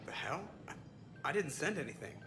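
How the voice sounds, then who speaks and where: A man's voice: on the high side, big pitch swings, brisk, background noise. An actor playing a cocky male starship pilot who jokes sarcastically. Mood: joking. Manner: sarcastic, joking. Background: game music.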